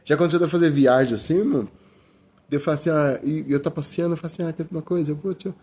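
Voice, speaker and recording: A middle-aged man from Brazil races through an informal sermon in a conversational style, his fairly high voice mellow and husky. He has a Brazilian Portuguese accent, often calls listeners "brother," and restarts many times.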